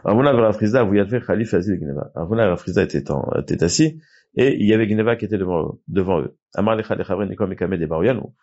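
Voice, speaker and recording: A man's voice: lowish voice, lively intonation, quick pace, darkish tone. A man teaching a Talmud class who reads short phrases aloud and then explains them, with frequent restarts. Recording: dull lo-fi recording.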